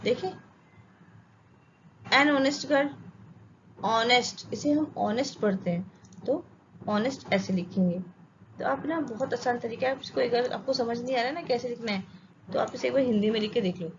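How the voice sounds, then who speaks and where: A woman's voice: a little high, moderate pace, long pauses, noisy background. A woman teaching an English grammar lesson with an Indian accent. She asks questions, answers them herself, and checks that her students follow. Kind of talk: classroom lesson explaining grammar. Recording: dull lo-fi sound with faint ambience.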